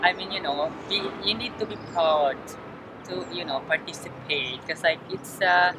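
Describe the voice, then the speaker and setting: A young woman from the Philippines answering interview questions outdoors, halting and full of fillers and restarts. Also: fairly low pitch, noisy background. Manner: hesitant, lots of fillers and restarts. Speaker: interview guest. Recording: music playing clearly behind.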